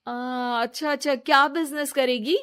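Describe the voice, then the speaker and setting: A woman's voice: high-pitched, steady tone, unhurried, fairly bright tone. A woman voicing a scheming, jealous young woman in a cartoon story, with a wheedling way of talking. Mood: sly. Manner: wheedling, with put-on sobbing.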